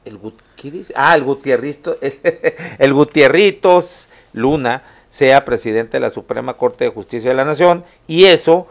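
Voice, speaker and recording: A man's voice: medium pitch, normal speed, vocal fry. A man hosting a live talk show, reading viewer comments aloud in a casual, joking way. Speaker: host.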